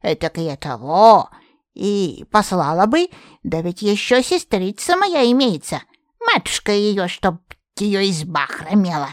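A woman's voice: medium pitch, sing-song, a little slow, no echo, studio quality. A woman voicing a grumpy old forest witch who talks like a rustic village granny, in an audiobook. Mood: complaining. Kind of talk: audiobook character voice.

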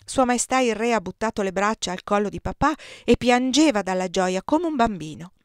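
A woman's voice: mid-range voice, lively intonation, moderate pace, no room sound, lightly acted. Woman voicing an earnest young prince, eager letter, dry recording.

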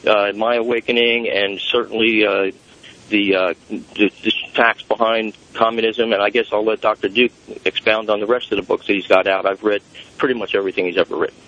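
A man calling in to a talk show over the phone, chatting casually and rambling with frequent "uh" pauses. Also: on the low side, steady tone, a bit bright. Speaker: caller to a radio talk show. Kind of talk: casual call-in chat. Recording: dull, lo-fi phone line.

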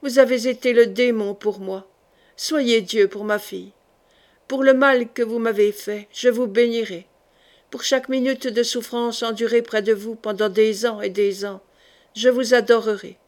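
A woman's voice: fairly high pitch, steady tone, a little slow, lightly acted. A woman reading the part of a desperate, grieving noble mother in an audiobook, pleading and fierce.

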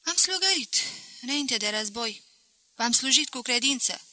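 A woman's voice: high voice, lively intonation, bright, forceful tone, no echo, voice pushed up. A woman voicing a cheeky young man, a former servant, speaking in a sly, mock-polite, teasing way.

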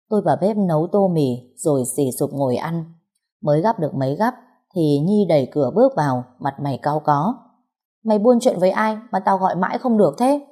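A young woman narrating a first-person romance story in a calm, wry way. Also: deep voice. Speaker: audiobook narrator.

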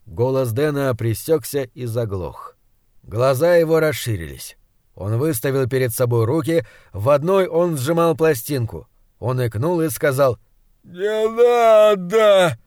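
Measured male audiobook narrator. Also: medium pitch, dry recording, studio quality. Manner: measured, even storytelling. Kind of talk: scripted narration.

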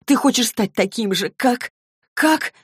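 A woman's voice: fairly high pitch, lively intonation, unhurried, husky, no room sound, clean studio sound, pitched above the performer's own voice. A woman voicing a frantic, pleading young woman.

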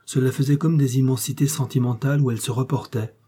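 A man reading a classic novel aloud in a measured, expressive way. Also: mid-range voice, slightly rough. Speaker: audiobook reader. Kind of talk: literary narration.

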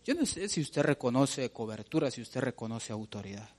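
A man preaching a sermon, asking rhetorical questions and calling out to his listeners as "brother", building to loud emphatic appeals. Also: mid-range voice, big pitch swings, moderate pace, slight background noise. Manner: preaching, calls out "hermano" and builds to shouts. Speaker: pastor.

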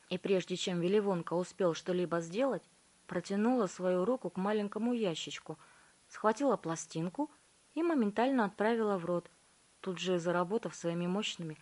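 A woman narrating a children's story in an expressive, measured way. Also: fairly low pitch. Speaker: audiobook narrator.

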